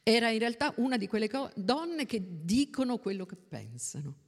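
A reader narrating a novel in an expressive, unhurried manner. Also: mid-range voice. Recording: long reverb.

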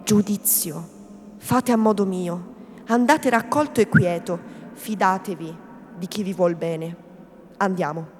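A woman's voice: mid-range voice, moderate pace, lightly acted. A woman reading the part of a scheming male notary who coaxes his prisoner with falsely kind words. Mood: hushed. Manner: coaxing, falsely kindly, then stern. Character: smooth-talking scheming middle-aged male notary. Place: reading event in a hall. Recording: long hall reverb, faint background noise.

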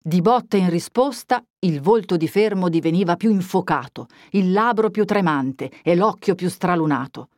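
A woman's voice: on the low side, moderate pace, few pauses, a little mellow, dry recording, clean studio sound. Woman reading a classic novel. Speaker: audiobook narrator. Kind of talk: literary reading.

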